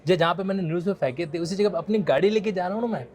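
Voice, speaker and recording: A man's voice: high voice, racing, darkish tone. A man in his thirties from Rajasthan, telling the story of his struggles in a casual, respectful conversation. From Rajasthan, India. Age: 30s. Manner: respectful, frequently addresses the other as sir. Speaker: law educator.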